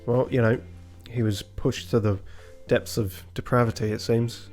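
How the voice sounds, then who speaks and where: A man with a medium-pitched voice commentates casually on a video game. He makes wry, joking asides while soft game music plays behind him. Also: steady tone, moderate pace.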